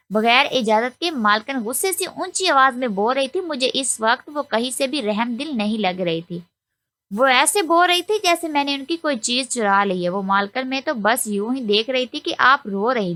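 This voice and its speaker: Woman narrator, high bright voice, earnest and confiding, dry close recording. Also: dry recording. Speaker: story narrator. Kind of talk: first-person scripted story narration.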